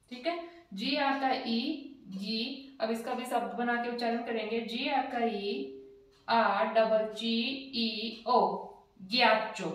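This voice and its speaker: A woman teaching a casual spoken language lesson, spelling out letters slowly and repeating each word. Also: on the high side, distant mic. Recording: echoey room, voice a bit off-mic.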